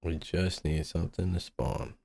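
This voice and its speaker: A man hosting a gaming channel, musing through relaxed gameplay commentary and sounding sleepy. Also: low voice, normal speed, no echo. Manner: mellow, musing, thinks aloud with restarts. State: sleepy, yawning.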